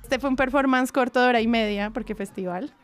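Excited woman telling a story. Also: on the high side, fast, soft background music. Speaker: podcast co-host. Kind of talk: casual podcast chat.

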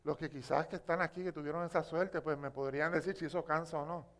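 A Puerto Rican man preaching from the pulpit, his voice pitched high for a man. He tells a story in a lively sermon and stops often to ask the congregation for a response. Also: quick pace. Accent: Puerto Rican Spanish.

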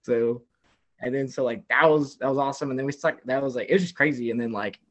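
A man's voice: mid-range voice, fast talker, highs cut off. A man guest on a casual talk show, telling a long story full of "like" fillers. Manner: rambling, many "like" fillers, animated retelling. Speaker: podcast guest.

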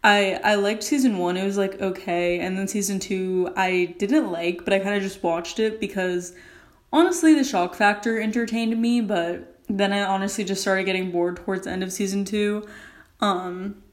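A young adult woman chats casually into her solo podcast from a bathroom. Her delivery is informal and rambling, at a middle pitch, with "like" sprinkled throughout. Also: steady tone, normal speed. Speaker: podcast host.

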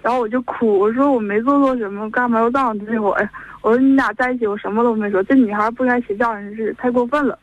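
A young woman in her twenties, speaking with a Northeastern Mandarin accent, chats as a caller and strings her story together with repeated "and then"s. Her voice is fairly high with fairly even intonation and a quick pace, and the dull, lo-fi telephone recording carries no room sound.

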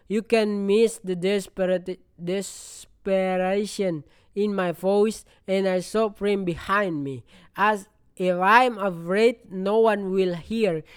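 Reader going through a novel out loud, slow, stumbles and restarts, clear voice. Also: medium pitch, no room sound, studio quality. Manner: slow, halting reading with restarts. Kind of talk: reading a novel aloud.

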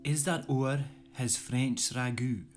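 A man's voice: medium pitch, takes it slowly, over music, lightly acted. An Irish man putting on a Scottish reciter. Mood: declaiming. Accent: put-on Scottish. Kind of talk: poetry recital.

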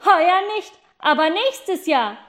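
A woman voicing a cheeky young boy who shouts his answers down from a flying goose in a storybook reading. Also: very high-pitched, sing-song, slow, voice pushed up, heavily acted. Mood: shouting. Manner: shouting loudly.

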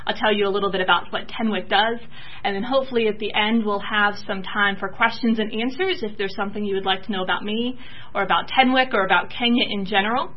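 A soft-spoken young woman from Georgia, giving a church talk about her mission teaching and pausing often with fillers. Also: medium pitch, steady tone, muffled recording.

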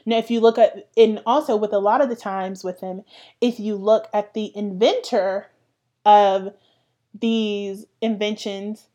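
A woman's voice: medium pitch, steady tone, a little slow, mellow. A young woman hosting her own podcast, talking through casual solo commentary with emphatic, sassy asides. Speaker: podcast host.

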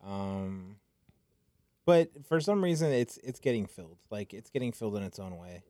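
A man's voice: lowish voice, expressive, normal speed, dark tone, no echo, clean studio sound. A young man from Phoenix chatting casually on a podcast, laid-back and rambling with lots of fillers, a little tipsy and loopy. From Phoenix, Arizona. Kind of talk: casual chat.

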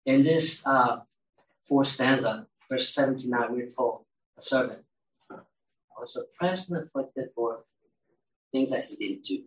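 A pastor delivers a sermon conversationally, putting questions to his congregation as he goes. His medium-pitched voice moves at a measured pace with long pauses, captured from a distance in a roomy, echoing space.

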